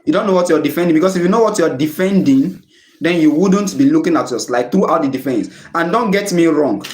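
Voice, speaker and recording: A man's voice: fairly high pitch, brisk, a little mellow, echoey room. A man with a Nigerian English accent teaching students in a chatty live-stream lesson, often laughing at his own jokes and dropping in Pidgin phrases. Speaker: tutor.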